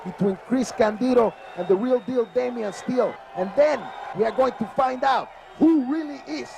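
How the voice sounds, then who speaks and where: High gravelly guy calling wrestling, worn tape hiss, loud crowd behind. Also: normal speed, low-quality recording. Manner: emphatic, repeats "ladies and gentlemen". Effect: worn VHS tape copy with hiss. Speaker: wrestling commentator. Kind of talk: play-by-play commentary. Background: cheering wrestling crowd.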